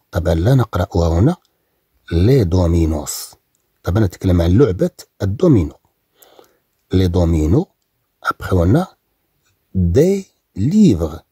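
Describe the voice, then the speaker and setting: A man with a Moroccan accent gives a French lesson, saying each word slowly and more than once. His voice is low and raspy, and it rises and falls with lively pitch. The sound is dry and close. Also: no echo. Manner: repeats words slowly, drawn out for pronunciation. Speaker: French teacher. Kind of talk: recorded language lesson.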